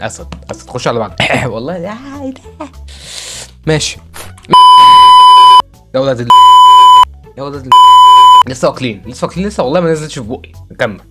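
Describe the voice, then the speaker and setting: A young man with an Egyptian Arabic accent doing excitable let's-play commentary as a gaming video host, repeating phrases and crying out. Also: fairly high pitch, normal speed, pauses often, loud music behind the voice.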